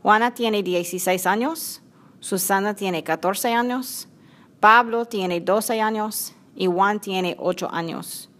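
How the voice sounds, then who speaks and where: A woman narrating a simple storybook in a clear, measured reading voice. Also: mid-range voice, a bit bright.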